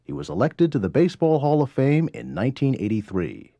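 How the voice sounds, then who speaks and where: Deep-toned male archive narrator. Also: big pitch swings, gravelly, warm tone, dry recording. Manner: formal, measured. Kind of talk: scripted documentary narration.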